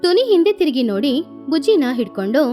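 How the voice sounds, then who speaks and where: A woman narrates a children's cartoon story. Her voice is high and lively, rising and falling as she tells it. Faint music plays behind her. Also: brisk.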